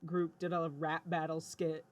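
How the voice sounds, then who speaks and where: A man on a casual podcast, recalling a story in an easygoing, halting way. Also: on the high side, completely flat delivery. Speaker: podcast co-host. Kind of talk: casual chat.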